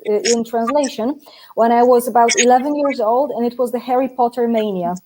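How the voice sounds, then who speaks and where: A young adult Polish woman, a native Polish speaker, joins a live stream as a guest over a video call from a translation agency office, chatting casually with frequent laughs and fillers. Her voice is fairly high, a little fast and darkish, in a rough recording with slight hiss or hum.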